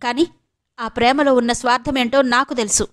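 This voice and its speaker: A woman reading an audio novel, voicing a young wife who is anguished and quick to anger, in a higher, emotional voice. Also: fairly even intonation, lightly acted. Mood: heated. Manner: emotional, raised dialogue voice.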